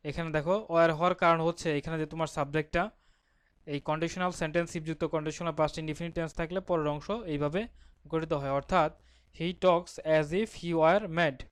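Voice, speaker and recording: A man with a Bangladeshi Bengali accent, his voice a touch high and smooth, teaches an exam-prep grammar lesson, asking and answering his own questions as he goes. He reads the English example sentences out slowly. The sound is dry and close. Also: steady tone, no room sound.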